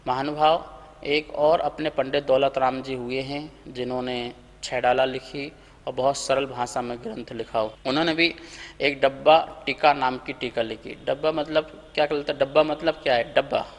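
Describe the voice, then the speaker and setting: A man teaching a scripture lesson, slowly reciting verses syllable by syllable for students to repeat. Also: mid-range voice, fairly even intonation, long reverb tail. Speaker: Jain monk teaching scripture.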